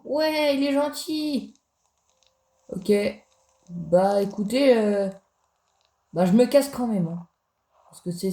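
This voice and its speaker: Chatty young man with a dark, mellow voice. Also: high-pitched. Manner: chatty and jokey, talks straight to viewers. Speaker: gaming YouTuber. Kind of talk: casual gameplay commentary.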